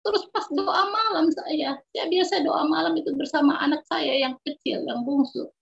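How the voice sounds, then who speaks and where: A woman's voice: high-pitched, moderate pace, creaky. A middle-aged woman giving an emotional personal testimony as a mother, speaking fervently and earnestly and often repeating herself. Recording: dull lo-fi recording.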